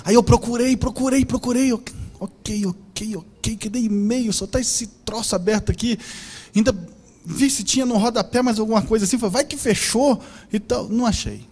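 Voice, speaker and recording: High-voiced joking preacher. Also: male voice, moderate pace, slightly rough. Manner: animated, joking storytelling with shouted asides. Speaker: pastor. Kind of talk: sermon. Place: church.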